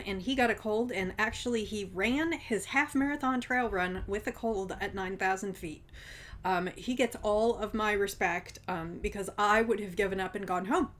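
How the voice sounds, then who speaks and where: A woman with a fairly high, fairly bright voice hosts her own show, chatting casually to camera. She's slightly congested from a cold, talkative, and says "um" a lot.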